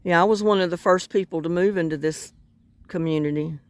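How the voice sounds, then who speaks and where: A woman's voice: on the low side, a little fast, dry recording. An older woman with a North Carolina Southern accent, chatting in a rambling, folksy way while fishing outdoors by the water. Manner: rambling, folksy, self-deprecating. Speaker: vlogger. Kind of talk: casual chat while fishing.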